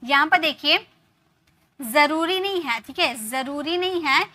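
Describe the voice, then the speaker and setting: Bright, high-voiced woman teaching English. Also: measured pace. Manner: explains step by step, repeats example words, checks in with "ok". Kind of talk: online grammar lesson.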